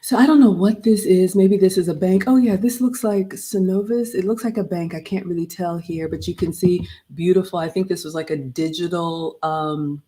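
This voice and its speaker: This vlog host, a middle-aged woman from Ghana, speaks in a warm, low-leaning voice at a moderate pace with hardly any pauses. Her livestream is a relaxed travel recap in which she greets viewers by name.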